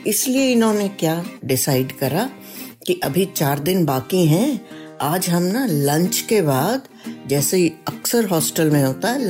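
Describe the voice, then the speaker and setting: A woman telling a children's story in a chatty way, often asking the listener questions. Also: on the low side. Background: soft guitar music.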